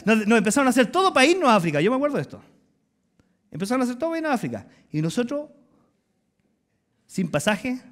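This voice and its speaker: A middle-aged man with a Chilean accent, preaching a sermon as pastor and acting out voices in lively storytelling. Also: very high-pitched. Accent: Chilean Spanish. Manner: animated storytelling, acts out voices and dialogue.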